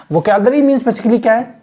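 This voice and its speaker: A man giving a classroom lecture as an English teacher, explaining patiently in mixed Hindi and English and spelling words out slowly. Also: very high voice, animated, a little mellow. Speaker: English teacher for exam aspirants.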